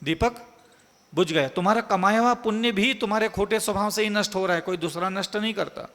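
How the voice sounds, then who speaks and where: A man's voice: sits high, brisk, a bit bright, big-room sound. A man, a monk, giving an emphatic, repetitive sermon full of rhetorical questions. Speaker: Jain monk giving a discourse.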